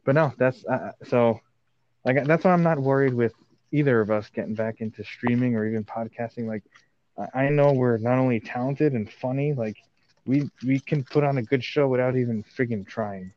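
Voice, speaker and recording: A man's voice: medium pitch, moderate pace, highs cut off. A man co-hosting a casual comedy podcast, rambling with lots of fillers and frequent laughter. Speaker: podcast co-host.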